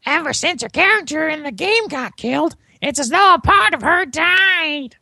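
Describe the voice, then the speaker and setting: A woman's voice: high-pitched, animated, moderate pace, gravelly, sharp tone, no room sound, studio quality, exaggerated voice. A woman voicing a worried middle-aged mother who speaks earnestly. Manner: anxious, earnest.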